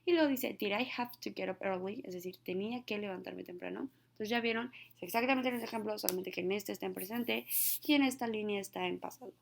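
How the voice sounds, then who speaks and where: Woman, gravelly English teacher; slows down for example sentences in a recorded lesson. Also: mid-range voice.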